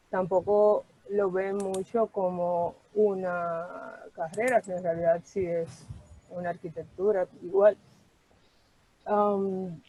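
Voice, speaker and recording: A woman from the Dominican Republic talks slowly and hesitantly, pausing on fillers and restarting her phrases. Her voice is soft and mellow. The sound comes through a muffled, lo-fi video call. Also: mid-range voice. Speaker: landscape architect, participant. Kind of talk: casual discussion on a video call.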